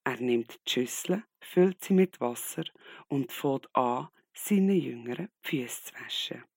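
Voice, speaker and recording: Guy telling a kids' bible story, super slow, gravelly, dry close sound. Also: medium pitch, animated, a little mellow, dry recording. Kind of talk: Bible story narration for children.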